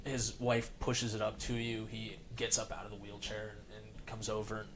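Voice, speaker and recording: A man narrating as game master in a tabletop game, loose and relaxed with lots of fillers. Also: lowish voice, normal speed, slight background noise.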